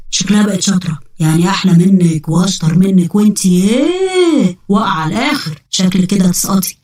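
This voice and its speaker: A woman's voice: on the low side, mellow, slightly rough, no echo. A woman voicing an exasperated young male demon with an Egyptian accent, in a spoken story. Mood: taunting. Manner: indignant, exasperated.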